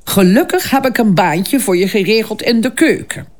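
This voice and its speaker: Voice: medium pitch, animated, voice pushed up, lightly acted. A narrator voicing a kindly, apologetic older head lady-in-waiting in a fairy tale. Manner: apologetic, brisk.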